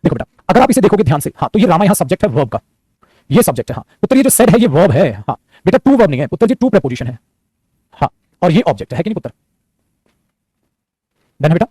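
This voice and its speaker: A male teacher giving an animated online grammar lesson, repeating phrases and calling his students son and child. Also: sits high, quick pace, long pauses, slightly rough, no room sound. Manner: animated, repeats lines, calls students "beta" and "putra".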